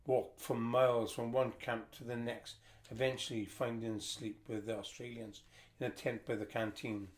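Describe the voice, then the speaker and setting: An older man reading a family history aloud, telling the story in a lively storytelling way. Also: medium pitch, moderate pace.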